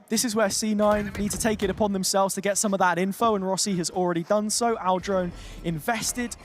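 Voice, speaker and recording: Man, esports caster, high-pitched voice, punchy play-by-play, faint background noise. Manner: quick, punchy calls with vivid phrases. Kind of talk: play-by-play commentary.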